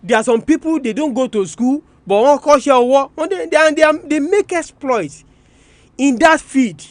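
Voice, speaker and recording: This radio presenter's very high-pitched voice is expressive and moderately paced, with no echo. A man with a Nigerian Yoruba accent, he gives a didactic educational talk, mixing two languages, repeating key terms and putting rhetorical questions to listeners.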